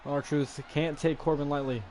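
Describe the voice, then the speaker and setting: A man giving relaxed play-by-play commentary on a wrestling video game he is playing, with fillers. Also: a little high, unhurried, a little hiss or hum. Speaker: gaming video creator. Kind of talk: casual let's-play commentary.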